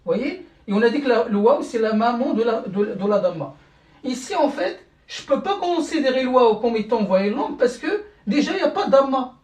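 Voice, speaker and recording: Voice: mid-range voice, animated, brisk, a little mellow, slightly rough. A teacher running a live online class through a phone or computer mic. The delivery is patient and questioning, with frequent checks on whether everyone follows. Words often come out repeated as the next phrase is found. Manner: keeps asking the class questions and checking understanding. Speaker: Arabic teacher. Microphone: phone or computer mic on a live stream.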